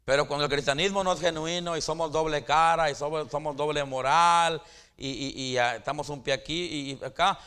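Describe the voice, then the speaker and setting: Middle-aged male pastor, slightly high voice, preaching with stammered restarts and sharp swings between loud peaks and soft drops. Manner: stammering restarts, calls the congregation brothers, pitch swings high and drops low. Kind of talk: sermon.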